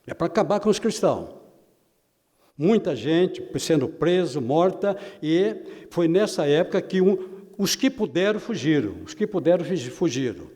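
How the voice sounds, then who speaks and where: Guy preaching a bible lesson, kinda high voice, says stuff twice for emphasis, long echo like a big church. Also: animated, normal speed, dark tone. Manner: dramatic, acts out imagined dialogues, repeats phrases for emphasis. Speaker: Bible teacher. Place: church hall. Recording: long hall reverb.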